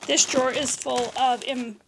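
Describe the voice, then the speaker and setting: Middle-aged American woman, slightly high pitch, hoarse and raspy with whispery breaks; casual, self-correcting home vlogger. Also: fairly even intonation, normal speed, noisy background. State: hoarse, losing her voice. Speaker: vlog host. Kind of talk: casual chatty craft room tour. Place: small room at home, indoors.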